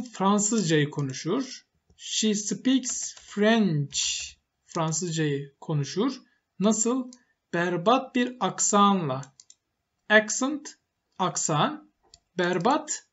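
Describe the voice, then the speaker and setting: A man's voice: sits high, dull audio. Man teaching vocabulary, repeating each word. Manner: explanatory, repeats words for emphasis. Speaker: English teacher. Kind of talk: vocabulary lesson while typing.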